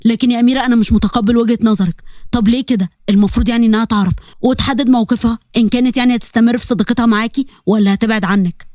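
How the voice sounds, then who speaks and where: A woman voicing a gentle, reassuring young man with an Egyptian accent. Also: on the high side, fairly even intonation, racing, no echo, studio quality, pitched below the performer's own voice, natural voice. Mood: tender. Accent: Egyptian Arabic. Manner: soothing, reassuring.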